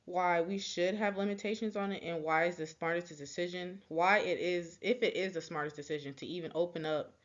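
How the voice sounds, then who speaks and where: A young woman giving a persuasive class speech, halting, with many ums, restarts and quick apologies. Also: lowish voice, muffled recording.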